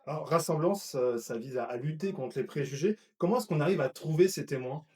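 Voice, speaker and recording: A man interviewing a guest, asking brisk and direct questions from away from the microphone. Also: fairly high pitch, lively intonation, breathy edge. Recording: voice quiet and distant from the mic.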